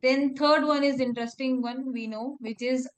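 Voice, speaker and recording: A woman's voice: high-pitched, fairly even intonation, normal speed, slight background noise. A woman teaching French one-on-one, patiently spelling words out letter by letter and saying "okay" often. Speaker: French tutor. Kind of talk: one-on-one language lesson.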